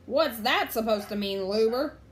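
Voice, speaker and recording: A woman voicing a gruff, greedy male pirate captain who growls and roars orders, read from a storybook. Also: on the high side, expressive, normal speed, a little hiss or hum, close to an everyday voice. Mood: growling. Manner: growling, roaring, shouts orders.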